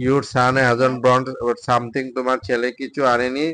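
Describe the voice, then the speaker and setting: A man, a Bengali speaker, teaching English drills by reading each sentence slowly and then translating it. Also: medium pitch, level tone, fairly bright tone. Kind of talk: spoken English drill lesson.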